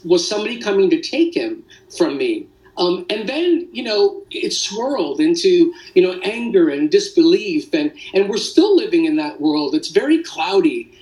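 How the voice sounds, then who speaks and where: Man, father, interview guest, halting, emotional, restarts, distant-sounding mic. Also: high voice, darkish tone. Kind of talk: remote news interview.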